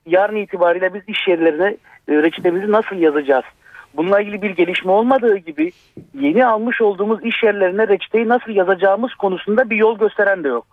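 A man, a workplace physician, calling into a radio show over a landline phone, pressing his questions briskly. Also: high-pitched, no room sound. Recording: narrow tinny phone line.

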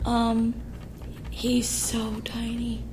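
A young woman, a high school senior, giving short plain answers with ums about her summer. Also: completely flat delivery, very slow, noisy background. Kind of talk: casual interview answers.

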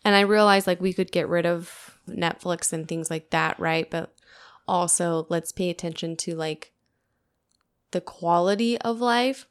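A woman in her late twenties hosting a casual podcast, chatting in an animated way with lots of "like" fillers. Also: on the low side, unhurried, clean tone. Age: 20s. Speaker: podcast host.

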